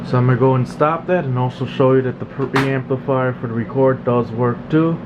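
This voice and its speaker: In a workshop full of electronics, a repairman gives a laid-back, down-to-earth demo, explaining as he goes. His delivery is brisk and medium-pitched, with a slightly dull recording and a continuous hum of room noise underneath.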